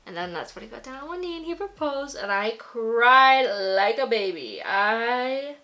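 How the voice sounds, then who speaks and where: A young woman tells a story in a loose, chatty way while she works on her makeup, filling her sentences with "like". Her voice is bright and a little sharp. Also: a little high, lively intonation, measured pace. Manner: gushing, filler-heavy with frequent "like". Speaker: beauty vlogger.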